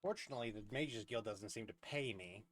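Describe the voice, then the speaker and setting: A man's voice: on the low side, brisk. A man streaming a game, chatting casually and thinking aloud, often trailing off mid-sentence. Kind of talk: casual gameplay commentary.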